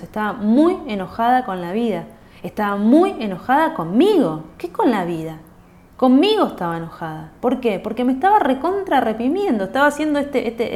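A woman's voice: fairly high pitch, darkish tone. A woman with a Rioplatense accent hosting a self-help podcast, reflective, repeating phrases and asking herself rhetorical questions. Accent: Rioplatense Spanish. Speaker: podcast host.

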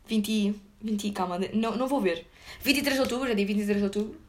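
A woman's voice: medium pitch, fast talker, slight background noise. A young woman with a European Portuguese accent, telling a story to her viewers in casual, slangy chat full of fillers. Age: young adult. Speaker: vlogger.

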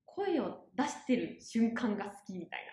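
A woman's voice: fairly high pitch, sing-song, normal speed, mellow, roomy sound, a little hiss or hum. A young woman from Osaka with a Kansai accent, a university student chatting casually as a guest and laughing often. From Osaka, Japan. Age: young adult. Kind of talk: casual podcast chat.

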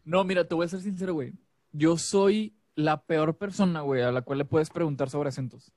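A man chats in a joking, slangy, profane way. His voice is slightly high, and the sound is very dry with no room echo. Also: brisk, a little mellow. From Monterrey, northern Mexico. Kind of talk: casual chat.

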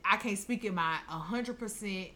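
A woman's voice: medium pitch, normal speed, pushed and bright. A woman co-hosting a podcast, chatting casually, joking and laughing often. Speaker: podcast co-host. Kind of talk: casual chat.

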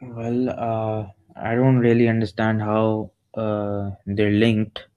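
Even, low-voiced young man, English-Hindi mix. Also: slow, highs cut off. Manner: mixes English with some Hindi-Urdu. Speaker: podcast co-host. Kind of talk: casual chat.

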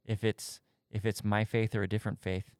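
Brisk and fairly low, with a flat delivery, a podcast co-host in his thirties talks about his faith in casual conversation. He is candid and thoughtful, groping for words as he answers faith questions. No room sound is present.

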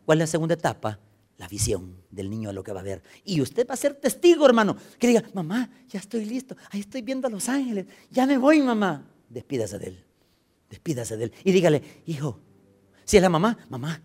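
Emotional male preacher, hushed to loud. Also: fairly high pitch. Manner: emotional preaching, swings from hushed to shouting, acts out voices of the dying. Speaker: pastor. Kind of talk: sermon.

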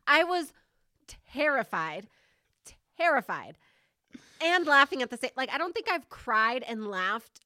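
Lady cohost laughing through a movie recap, bright voice, swings high and low, dry mic. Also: moderate pace, few pauses, no room sound. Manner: giggly, expressive, says "like" a lot. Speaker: podcast co-host. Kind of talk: casual movie review chat.

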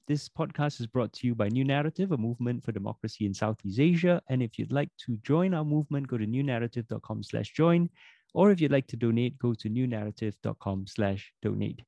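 Mellow male podcast host, dry sound. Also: medium pitch, no echo. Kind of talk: podcast presenting and interviewing. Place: indoors, in front of a bookcase.

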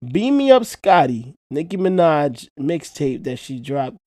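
A man's voice: a little high, very animated, measured pace, darkish tone, no echo, studio quality. A man hosting a music show, chatting casually about new songs in slangy, hyped banter.

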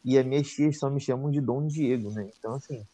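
A man chatting with a guest in an easygoing, slangy manner. His voice is medium in pitch, and the recording is dry. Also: brisk, mellow, no echo. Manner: laid-back, slangy. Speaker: interviewer. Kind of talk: casual interview conversation.

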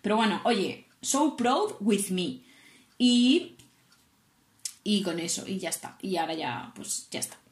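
A young woman with a Spain Spanish accent tells a funny personal story straight to camera. She talks casually, swears freely and slips into the voices of people she quotes. Her voice sits at a middle pitch, and the room around her is echoey. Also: unhurried. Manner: animated, swears often, acts out quotes. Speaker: vlogger.

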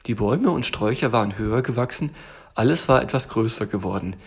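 A man reads a bedtime story aloud with a gentle storytelling manner. His voice sits at a middle pitch and has a husky grain. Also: expressive, fast. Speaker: story reader.

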